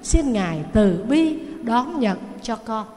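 A woman with a Southern Vietnamese accent voicing a humble, poor male trader who speaks reverently and slowly, in a long reverberant hall. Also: a little high, animated, a little mellow, voice pushed down.

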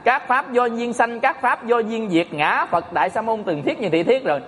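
Male monk, folksy joking sermon, high voice, long hall reverb. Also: moderate pace, a bit bright, a little hiss or hum. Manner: folksy, joking, addresses audience often. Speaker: Buddhist monk teacher. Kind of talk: Dharma talk sermon.

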